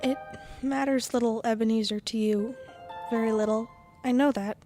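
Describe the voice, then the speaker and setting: A woman's voice: fairly high pitch, steady tone, normal speed, dark tone, faint music behind, natural voice. A woman playing a sorrowful, dignified young fiancée in melodramatic radio acting. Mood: sad reproach.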